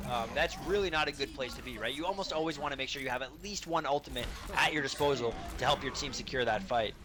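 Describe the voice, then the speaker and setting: Fast-talking man losing his voice. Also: mid-range voice. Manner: explanatory, measured analysis with hesitant fillers. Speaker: esports analyst. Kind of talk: color commentary.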